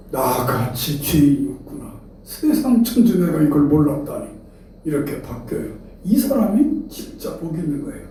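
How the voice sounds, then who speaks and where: A man's voice: on the high side, warm tone, slight background noise. An older man with a Chungcheong accent, a retired pastor giving an early-morning sermon in a folksy, humorous way and acting out quoted dialogue. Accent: Chungcheong Korean. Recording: very echoey hall, distant mic.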